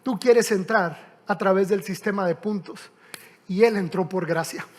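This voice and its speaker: A man voicing a calm, gentle Jesus at heaven's gate, softly and low, within a sermon. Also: moderate pace, big-room sound, slight background noise, close to an everyday voice. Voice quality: soft low-key delivery.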